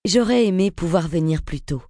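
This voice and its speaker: A woman's voice: lowish voice, lively intonation, normal speed, dark tone, dry recording, clean studio sound. A woman reading an audiobook, voicing a confident, friendly woman in her forties. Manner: poised, friendly.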